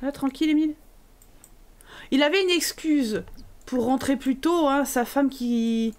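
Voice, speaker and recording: A woman's voice: high voice, unhurried, a little mellow. A woman streaming a life-sim game, joking crudely and talking to the characters on screen. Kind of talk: casual gameplay commentary.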